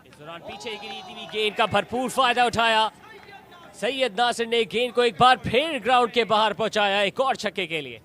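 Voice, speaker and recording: A Pakistani man giving excited live cricket commentary, his voice rising sharply on big shots and wickets. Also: sits high, normal speed.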